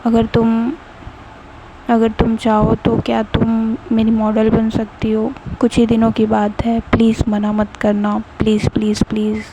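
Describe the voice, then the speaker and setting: A woman voicing an eager young woman photographer who pleads and talks excitedly. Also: fairly high pitch, measured pace, noisy background. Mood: pleading.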